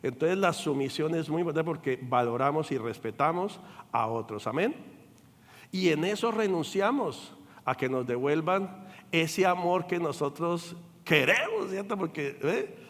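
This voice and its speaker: An older man preaching in a church sanctuary, his voice sitting a little high for a man. He speaks with animated delivery and breaks into quoted voices. A long reverb rings through the big room around him. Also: unhurried. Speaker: pastor. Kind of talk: sermon.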